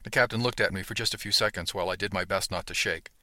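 A man narrating a first-person audiobook in an earnest, steady storytelling manner, close to the mic. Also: sits low, fast, dry recording.

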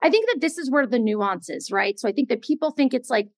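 A woman cardiologist in casual podcast chat, telling stories in an animated way with many fillers. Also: a little high, fast, no echo. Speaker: cardiologist guest.

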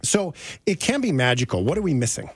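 A man's voice: a little high, sing-song, fairly quick, breathy edge, no echo, clean studio sound. A man hosting an interview podcast, telling anecdotes in a rambling, casual way with easy laughs. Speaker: podcast host. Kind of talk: casual storytelling.

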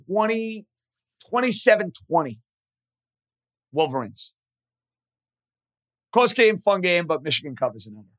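A man's voice: on the high side, bright, forceful tone. A man hosting a sports podcast, giving conversational betting commentary in emphatic, punchy short phrases.

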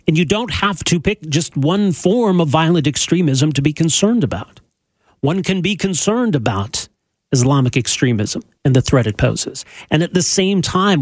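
Husky-voiced man hosting a radio show. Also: a little high, dry recording. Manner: measured, earnest, repeats words when asking. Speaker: radio talk show host. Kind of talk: radio talk show commentary. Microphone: studio microphone.

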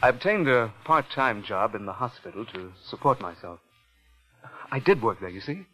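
An actor playing a nervous young ex-soldier who stammers, pleads and narrates in halting 1940s radio acting, on an old broadcast. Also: male voice, mid-range voice, sing-song, a bit bright, soft background music, low-quality recording. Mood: pleading. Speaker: narrator and lead of a radio drama.

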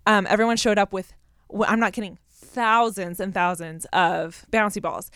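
A young woman co-hosting a chatty podcast, telling stories in animated, colloquial speech peppered with "like". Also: mid-range voice, moderate pace, smooth, no room sound, clean studio sound. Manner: animated, colloquial, heavy use of "like". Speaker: podcast co-host. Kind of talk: casual chat and storytelling.

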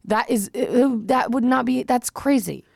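A young woman in her twenties co-hosting a podcast, relaxed and agreeable, often answering "yeah.". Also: a little high, unhurried, vocal fry, dry recording, clean studio sound. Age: 20s. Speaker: podcast co-host. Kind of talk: casual chat.

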